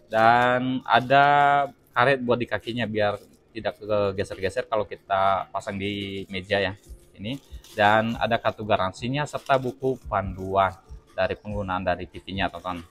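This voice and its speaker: A man's voice: fairly low pitch, fairly even intonation, normal speed, a bit bright. A man walks through a TV unboxing. He talks chattily and directly to his viewers as he handles the set. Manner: addresses viewers as teman-teman, chatty, explains while handling the product. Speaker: product reviewer. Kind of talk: casual unboxing review.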